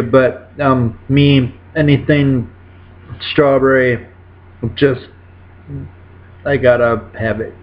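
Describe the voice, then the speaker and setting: A man in his thirties chatting casually while reviewing snacks at home, rambling and correcting himself, recorded on a webcam indoors. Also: medium pitch. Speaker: food reviewer. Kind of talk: casual food review vlog. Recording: dull lo-fi webcam audio.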